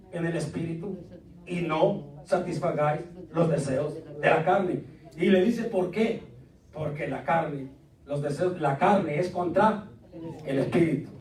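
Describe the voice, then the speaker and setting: A man preaching a lively, joking sermon as pastor, calling out questions to his congregation. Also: high-pitched. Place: church sanctuary. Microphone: distant from the mic. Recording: echoey church recorded from a distance.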